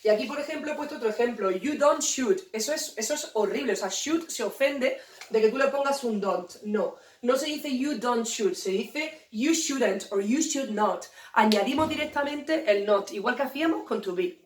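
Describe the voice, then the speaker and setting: A woman's voice: on the high side, animated, normal speed, far from the mic. A woman teacher, explaining English grammar to students in a playful, joking way. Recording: echoey room, voice away from the mic.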